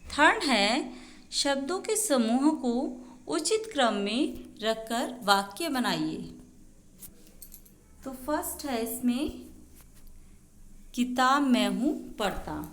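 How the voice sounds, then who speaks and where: A woman school teacher delivers a recorded lesson to young children, patiently spelling out words and repeating answers. Her high-pitched voice is sing-song and slow with frequent pauses, recorded in an echoey room with faint background noise.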